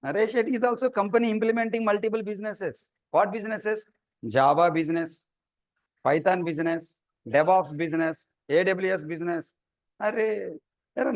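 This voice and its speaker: High-pitched man teaching with a Telugu accent. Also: no room sound. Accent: Telugu Indian. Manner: repeated check questions and prompts to students. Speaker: programming teacher. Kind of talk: interactive classroom lecture.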